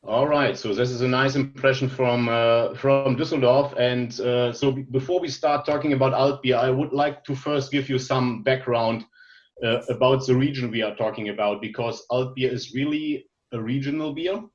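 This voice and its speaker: A man's voice: mid-range voice, steady tone, normal speed, dull audio. A man from Germany with a German accent, a non-native English speaker, giving a friendly, hesitant presentation full of fillers and restarts over a video call. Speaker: guest presenter.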